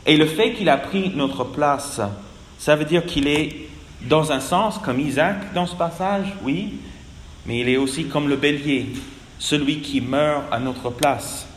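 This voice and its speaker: A man preaching a sermon in a slow, earnest manner, his voice dropping at the ends of phrases. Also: a little high, a little hiss or hum. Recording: echoey hall with long reverb.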